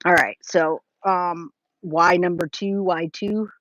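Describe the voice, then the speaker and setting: A California true crime livestreamer in her forties chats casually with viewers, answering their comments and calling them guys, babe, and my love. She's informal and emphatic, often repeating herself for effect. Her lowish voice is steady, slow, and a bit bright, over dull audio with slight background noise.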